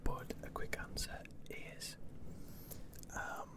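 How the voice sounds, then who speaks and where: Whispering ASMR creator from the UK. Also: slow pace. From United Kingdom. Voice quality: breathy unvoiced whisper. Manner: chatty, self-deprecating, playful. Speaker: ASMR creator answering viewer questions.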